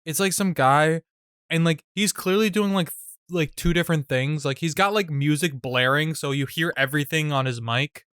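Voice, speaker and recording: A man's voice: on the high side, normal speed, fairly bright tone, clean tone, dry recording, studio quality. A young man co-hosting a comedy podcast, telling stories in casual chat with lots of fillers and restarts. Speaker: podcast co-host.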